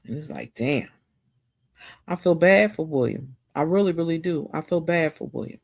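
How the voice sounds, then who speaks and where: A woman giving a casual, animated, slangy recap of a TV episode as a show reviewer. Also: low-pitched, normal speed, creaky, no room sound, clean studio sound.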